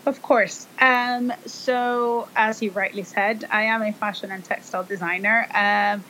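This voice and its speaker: Thoughtful Salvadoran-born woman, faint rumble. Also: steady tone, unhurried, sharp tone, rough recording. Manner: thoughtful, hesitant, many fillers. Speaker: fashion and textile designer, guest. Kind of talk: casual interview talk.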